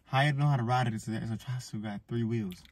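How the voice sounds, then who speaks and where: A man's voice: mid-range voice, fast talker, no echo. A man hosting a vlog, teasing and rambling jokily through a blindfolded date skit. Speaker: vlog host.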